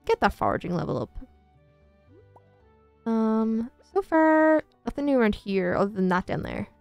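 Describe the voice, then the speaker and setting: Young woman streamer, bubbly and gushing, high voice swinging wildly, faint game music behind. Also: moderate pace, vocal fry, clear, resonant tone, no echo. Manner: excitable, gasping, gushing, chatting to viewers. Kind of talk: casual gaming commentary.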